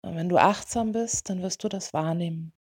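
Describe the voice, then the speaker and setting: A woman leading a guided meditation in a soothing, gentle way, in short unhurried phrases. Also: lowish voice, slightly rough. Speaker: meditation guide for dog owners.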